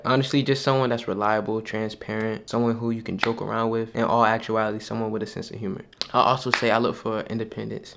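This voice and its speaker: A man's voice: on the low side, vocal fry. A man in his twenties, answering viewer questions in a laid-back, candid casual vlog. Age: 20s. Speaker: YouTuber answering fan questions.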